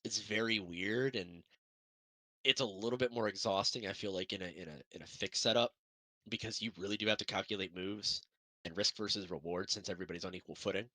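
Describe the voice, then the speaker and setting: A young man talks through a casual racing podcast segment in a rambling, upbeat way. His voice is bright and forward. The sound is dry and close, with no room around it. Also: fairly low pitch, a little fast, dry recording. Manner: rambling, upbeat, self-deprecating. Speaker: sim racing broadcast co-host.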